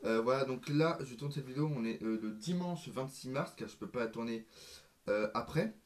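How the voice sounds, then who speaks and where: A man with a hoarse, nearly gone voice, chatting eagerly and hesitantly in a casual predictions vlog, with many fillers. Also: medium pitch, normal speed. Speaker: wrestling fan vlogger.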